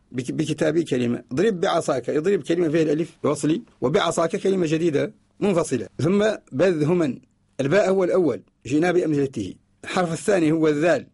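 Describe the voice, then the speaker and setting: A man with a Mauritanian Arabic accent giving a radio lesson, slowly recites each example and repeats it word by word to explain it. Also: fairly high pitch, gravelly, warm tone, slightly rough. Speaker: teacher of Quranic orthography. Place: radio studio.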